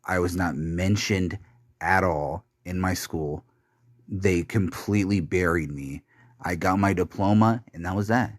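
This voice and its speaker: This young adult man has a low voice, captured cleanly in the studio without any echo. Alone on his podcast, he rambles through a bitter confession, cursing frequently and speaking haltingly with many restarts and fillers.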